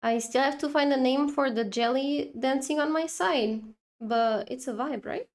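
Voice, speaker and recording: A young woman streaming while she draws, chatting casually to her viewers in a rambling, excitable way that keeps breaking off mid-sentence. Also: high voice, normal speed. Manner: rambling, self-interrupting, excitable.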